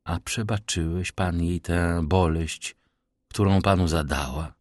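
A man's voice: sits low, slow pace, no room sound, studio quality. A man voicing an anxious aristocratic countess who keeps probing with questions. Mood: searching. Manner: pressing, questioning.

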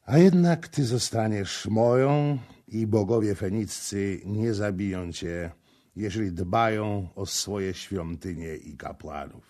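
A man's voice: fairly low pitch, slow pace, warm tone. A man reading as an ardent young prince. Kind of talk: audiobook character reading.

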